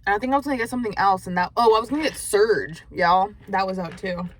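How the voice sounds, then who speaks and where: A woman's voice: mid-range voice, fast, slight background noise. A young woman chatting casually and profanely while eating in a parked car, often dropping to a near whisper. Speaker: mukbang vlogger.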